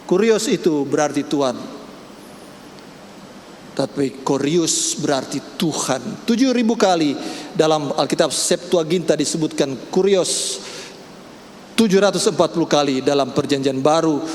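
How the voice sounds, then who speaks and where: Male pastor, sermon, raised pitch with sudden shouted peaks, reverberant hall. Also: unhurried, long pauses. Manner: preaching with sudden loud high-pitched exclamations. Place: large church hall. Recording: echoey church hall, faint room noise.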